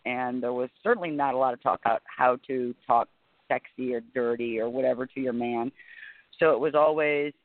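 A woman's voice: a bass voice, fairly even intonation, brisk, no echo. Casting: middle-aged female call-in guest, chatty and agreeable, dry phone-like sound. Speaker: returning talk show guest. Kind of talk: casual chat.

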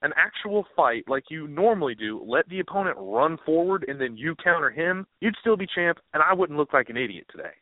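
A man guest on a casual sports podcast who talks in an animated, emphatic way and raises his voice when he gets worked up. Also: on the high side, brisk, few pauses, no room sound. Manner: animated and emphatic, rising to a near shout. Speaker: guest analyst. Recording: dry phone-line audio.

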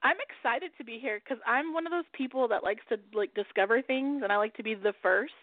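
A woman's voice: on the high side, a little fast, no room sound. A woman hosting a radio show in casual chat, who swears freely and laughs often. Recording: dry, phone-like line.

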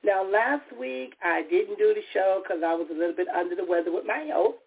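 Raspy from a cold she's still getting over, a woman therapist hosts a solo radio talk show with heartfelt, personal talk full of restarts and stammers. Her medium-pitched voice is brisk with lively intonation, and the audio sounds like a tinny call-in phone line.

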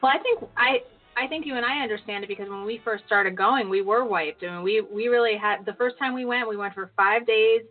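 Mid-pitched female podcast co-host, playful and teasing, over a tinny line. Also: brisk. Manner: teasing, laughs easily. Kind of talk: casual podcast chat. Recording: phone-like lo-fi audio with faint music.

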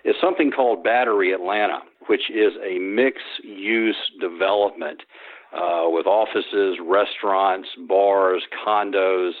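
A sports historian takes interview questions over the phone, rambling, restarting often, and leaning on fillers. His deep voice is fairly even in intonation and a little slow. The telephone mic gives a tinny line.

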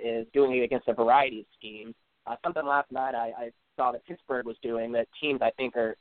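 A man's voice: medium pitch, no room sound. Man, podcast co-host, enthusiastic fan, storytelling, dry phone-line audio. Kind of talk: casual sports talk podcast.

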